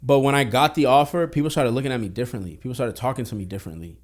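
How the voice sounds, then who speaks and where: A fast-talking young Boston man with a medium-pitched voice guests on a casual podcast conversation. He comes across as candid and streetwise, swearing heavily.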